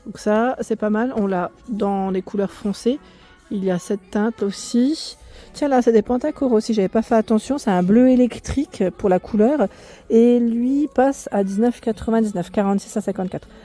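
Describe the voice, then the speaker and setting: Speaking at a moderate pace in a slightly high voice, this woman vlogs her way around a clothing shop in a relaxed walkthrough. She frequently corrects herself and talks over the store's loud music, though it sounds faint in the recording.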